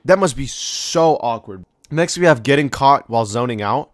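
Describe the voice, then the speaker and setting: A man's voice: medium pitch, animated, moderate pace, dry recording, clean studio sound. A young man hosting a casual countdown video, rambling in slang with many fillers and acting out quoted voices. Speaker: video host.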